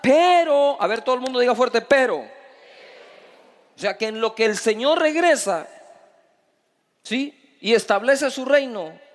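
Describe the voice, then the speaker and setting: Man, pastor, sermon, high voice, emphatic preaching, long hall reverb. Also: moderate pace. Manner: emphatic preaching with wide swings between loud and hushed.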